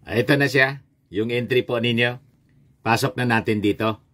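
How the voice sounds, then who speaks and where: A man's voice: mid-range voice, steady tone, moderate pace, a bit bright. A middle-aged man hosting a vlog, chatting about the news and telling jokes in a casual way that often breaks into laughter. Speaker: vlog host.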